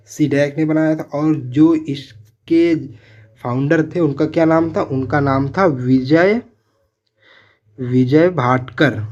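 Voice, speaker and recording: A man's voice: fairly high pitch, lo-fi sound. A man teaching an exam-prep lesson in quiz style. He reads out each question and its options, then says the answer again and again and calls his listeners friends. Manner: asks each question, then repeats the answer several times; addresses viewers as friends.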